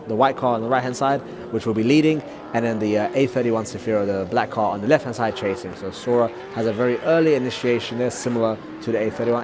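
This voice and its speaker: A man giving live motorsport play-by-play commentary, explaining things in a measured, casual way. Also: mid-range voice. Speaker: commentator and drift driver. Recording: clear outdoor vehicle noise. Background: cars and outdoor ambience.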